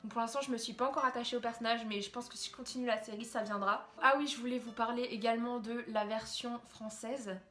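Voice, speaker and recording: A woman's voice: fairly high pitch, steady tone, fast, hardly any pauses, fairly bright tone. A young woman chatting casually to camera as a YouTuber, talking through TV series with many fillers and restarts. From France. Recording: echoey room.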